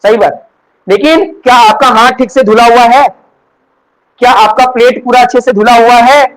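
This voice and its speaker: Guy teacher with a really high voice, asks a question then answers it himself, keeps checking "got it?". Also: normal speed, rough recording. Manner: keeps checking understanding with "ठीक है? है ना?"; repeats key words for emphasis. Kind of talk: classroom lecture.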